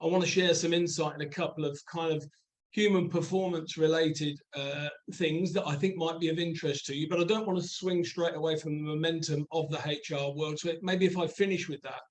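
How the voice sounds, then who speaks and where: A man's voice: fairly high pitch, fairly even intonation, brisk. A man who works as a performance coach and trainer, talking informally in a webinar.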